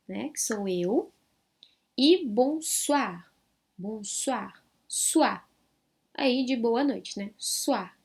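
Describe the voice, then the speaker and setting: A woman with a Brazilian Portuguese accent gives an online French lesson in a slightly high voice. She says each sound slowly and clearly for learners, chatting and regularly checking in with the viewer.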